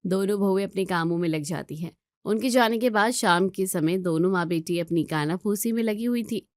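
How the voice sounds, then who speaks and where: A woman narrating a scripted family story in an even, measured way. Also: mid-range voice, dry recording, studio quality.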